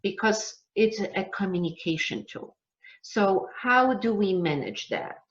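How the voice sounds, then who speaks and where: A woman business coach giving a live online masterclass, emphatic and motivational, slowing down to stress key words. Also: mid-range voice, lively intonation, dull audio.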